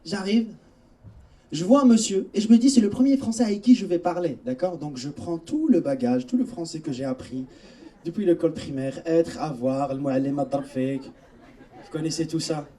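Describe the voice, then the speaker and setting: A man's voice: fairly high pitch, moderate pace, mellow, distant mic. A young man from Algeria, telling stories in a chatty stand-up comedy set on a theatre stage, speaking straight to the audience. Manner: chatty storytelling, addresses audience directly.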